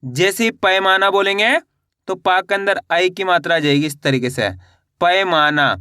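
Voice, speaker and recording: A man teaching Hindi spelling, slowly sounding out each syllable and repeatedly quizzing the listener. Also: high voice, bright, forceful tone, clean tone, no echo, clean studio sound. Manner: slow, repetitive drilling with quiz questions.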